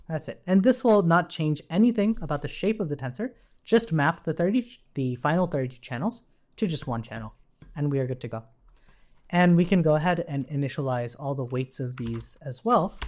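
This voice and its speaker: During a casual live coding tutorial, this programming instructor narrates his typing step by step, often tossing in quick tag questions to check understanding. He's a man with a voice on the high side and a darkish tone.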